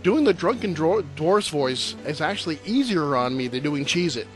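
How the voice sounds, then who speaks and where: A man's voice: a little high, very animated, normal speed, faint music behind. A man hosting a live internet show in casual chat, rambling and joking between songs. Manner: jokey, rambling, breaks into laughs and impressions. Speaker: host.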